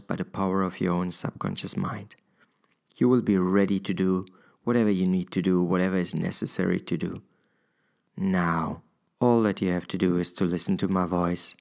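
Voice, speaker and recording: A man guiding a hypnosis session in a soothing, measured manner with drawn-out pauses. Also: fairly low pitch, creaky, clear, resonant tone. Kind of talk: guided hypnosis induction, soothing instruction.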